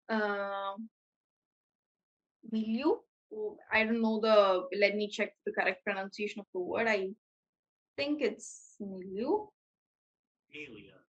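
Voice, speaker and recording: A woman's voice: mid-range voice, very slow, pauses often, dull audio. A woman with a Malayali accent teaching an English class over a video call, switching between English and Malayalam and praising her students often.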